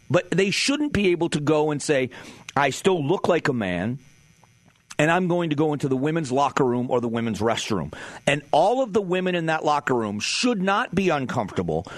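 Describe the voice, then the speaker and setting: A Southwest Florida man in his forties hosts a talk radio show, delivering an opinionated monologue in a firm, emphatic, conversational way. His voice sits on the high side, captured dry on a studio microphone in a radio studio.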